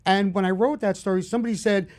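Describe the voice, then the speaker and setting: A man in his fifties with a Bronx New York accent, a horror film director chatting through stories in an interview, animated and full of restarts. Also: high-pitched, quick pace. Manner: storytelling, animated, restarts often. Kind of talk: casual interview chat.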